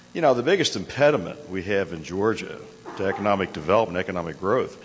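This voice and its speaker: A man's voice: fairly low pitch, breathy edge. An older man giving a debate closing statement on a handheld mic, folksy and emphatic, with frequent "uh" fillers. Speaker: state legislator candidate. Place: large indoor community hall. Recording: long hall reverb.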